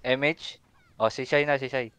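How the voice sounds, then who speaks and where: A man in a casual voice chat while gaming, counting down and barking quick commands to his team. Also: medium pitch, fairly even intonation, a bit bright, clear, resonant tone, dry recording. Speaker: gamer calling the plays.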